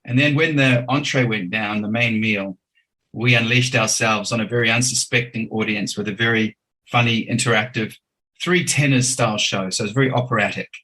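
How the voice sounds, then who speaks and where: This New Zealand man is a podcast guest telling his story in a casual interview, chatty and enthusiastic with plenty of ums. His voice is lowish, a little fast, pushed and bright, and the audio quality is poor.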